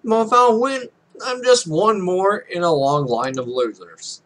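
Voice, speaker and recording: With a high, unhurried, somewhat bright voice, a let's play host in his twenties casually talks through a game, reading its text aloud amid offhand, wandering asides. He's indoors in a small room at home, and the recording is noisy.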